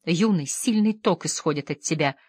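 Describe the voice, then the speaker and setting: A woman voicing a tormented, opium-addicted lady who pleads feverishly, dropping to soft murmurs and rising into sudden outbursts. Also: sits low, moderate pace, dry recording, clean studio sound. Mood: yearning.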